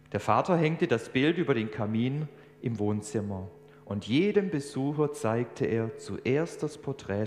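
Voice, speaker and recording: A man preaching a sermon, telling a story with animated emphasis. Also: on the low side. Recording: echoey church hall, faint hum.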